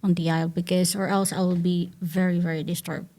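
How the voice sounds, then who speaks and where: A young student from the Philippines discussing preferences casually, earnest and full of fillers. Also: male voice, high voice, little pitch movement, a little fast, darkish tone. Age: young adult. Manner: earnest, uses many fillers like "like". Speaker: student panelist.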